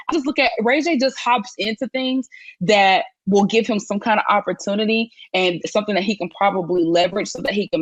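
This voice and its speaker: A woman's voice: medium pitch, no room sound, dull audio. A woman co-hosting a casual chat podcast, opinionated and emphatic, with frequent restarts. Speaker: podcast co-host.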